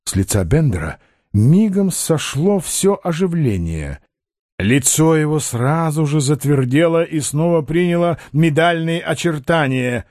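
A male audiobook narrator with a measured, expressive reading style. His pitch moves with lively variation over a mellow, warm tone. The recording is dry and close, with no room echo.

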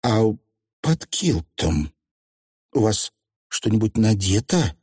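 A man's voice: lowish voice, very animated, slow, darkish tone, breathy edge, no room sound, studio quality, heavily acted. A man voicing a young witch girl who speaks plainly and firmly. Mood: level.

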